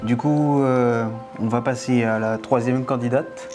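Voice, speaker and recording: A man's voice: mid-range voice, fairly even intonation, measured pace. Brief: teasing male co-host, mock-announcer delivery, music under. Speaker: co-host of a parody dating show. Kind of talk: joking casual banter.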